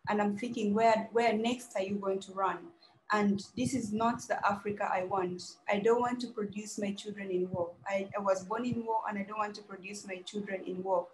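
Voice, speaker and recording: A woman's voice: mid-range voice, steady tone, moderate pace, echoey room, a little hiss or hum, low-quality recording. A young woman from South Sudan giving an earnest, urgent conference talk over a webcam video call, repeating phrases for emphasis. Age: young adult. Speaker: conference speaker. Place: dim indoor room.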